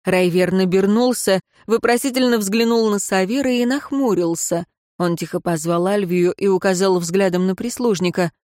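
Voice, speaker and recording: A woman reading a fantasy novel aloud as audiobook narrator, measured and steady. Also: medium pitch, no echo, clean studio sound. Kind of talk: scripted narration.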